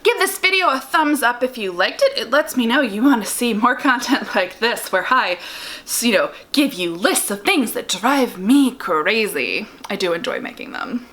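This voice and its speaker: A YouTube host who vlogs writing advice speaks to camera in a fairly high, very animated, slightly bright voice at normal speed. Her opinionated tips come across as informal and wry, with emphatic stress on key words.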